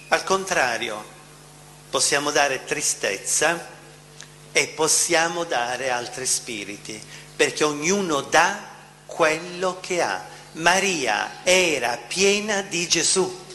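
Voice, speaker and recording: A man's voice: fairly high pitch, sharp tone, in a large hall, slight background noise. A man preaching a sermon, emphatic and questioning, often repeating his phrases.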